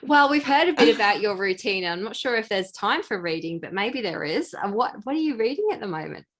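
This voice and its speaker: A woman's voice: medium pitch, lively intonation, fairly quick, fairly bright tone. A woman hosting a podcast interview, casual and encouraging, laughing often with her guest. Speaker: podcast host.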